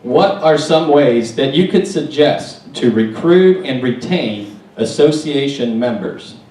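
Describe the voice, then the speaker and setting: A man's voice: mid-range voice, lively intonation, slow pace, a little mellow. A man putting formal interview questions to a contestant. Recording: echoey hall, distant microphone.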